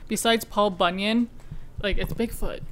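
A woman's voice: mid-range voice, a little slow, faint music behind. Laughing young woman podcast co-host. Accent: Upper Peninsula Michigan. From Upper Peninsula of Michigan. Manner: laughs often, relaxed and friendly. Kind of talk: casual chat.

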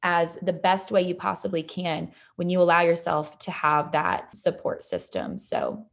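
A woman's voice: fairly low pitch, a little slow, vocal fry. A woman co-hosting a lifestyle podcast, speaking in an earnest, encouraging way. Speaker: podcast co-host. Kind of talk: casual podcast chat.

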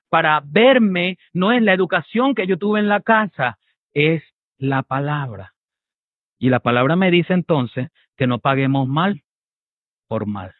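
A man's voice: fairly high pitch, no room sound. A man preaching a sermon as pastor, asking rhetorical questions and checking in with listeners through short tag questions. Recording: dry, tinny phone-like sound.

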